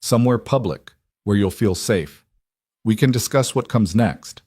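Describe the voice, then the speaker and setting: A man doing a calm, firm crime boss. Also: fairly low pitch, unhurried, husky, no echo, studio quality. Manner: calm, gentle but firm.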